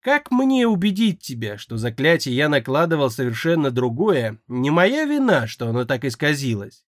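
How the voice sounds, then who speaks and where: A man's voice: a little high, big pitch swings, normal speed, no room sound. Man voicing a sardonic necromancer. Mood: wry. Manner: dry, sardonic and reasoning. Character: wry, hardened male necromancer.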